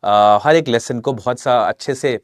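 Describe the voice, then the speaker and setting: A man's voice: medium pitch, measured pace, dry recording. A man teaching a live online English class while suffering from a sore throat and a cold, chatty and reading out names and comments from viewers.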